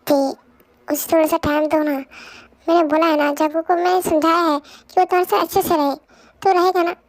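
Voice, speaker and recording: A caring middle-aged mother-in-law who keeps fussing and worrying, played by a woman. The voice is very high, with a dry, close sound. It comes from a fan audio drama dub. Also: flat delivery, brisk, no echo. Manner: fussing and anxious.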